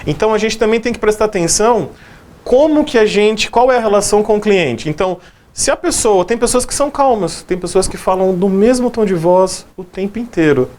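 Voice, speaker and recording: A man's voice: high voice, expressive, fairly quick, darkish tone. A man with a Brazilian Portuguese accent, a psychologist giving a conversational sales training lecture, often checking in with his listeners. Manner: conversational, frequent "né?" and "beleza?" check-ins.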